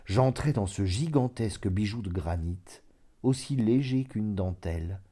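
Slow, dark-voiced male audiobook narrator. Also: lowish voice. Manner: slow, measured, dramatic. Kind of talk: scripted literary narration.

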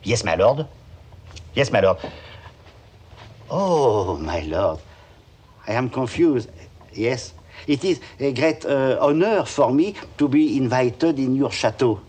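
Flustered french inspector, clumsy english, husky, slow, swooping pitch, old film clip. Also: male voice, expressive, a little mellow.

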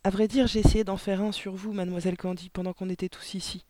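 A man voicing a clever, polite little girl pupil in an audiobook, earnest and matter-of-fact, raising his pitch for her. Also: little pitch movement, fast, darkish tone, no room sound, studio quality, lightly acted. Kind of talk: audiobook character voice.

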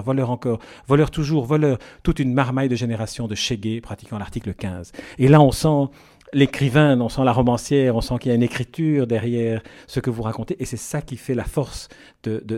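A male interviewer who reads a passage aloud and then puts a halting, stammering question to his guest. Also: mid-range voice, mellow. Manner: halting, stammers while asking. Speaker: interviewer host. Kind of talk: reading an excerpt, then asking questions.

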